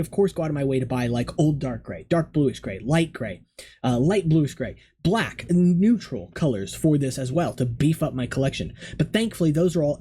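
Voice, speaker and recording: Guy in his 30s rambling casually about his hobby, kinda high but soft mellow voice, some room noise behind him. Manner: rambling, conversational. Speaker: hobby video host. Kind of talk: casual unscripted commentary. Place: small indoor hobby room.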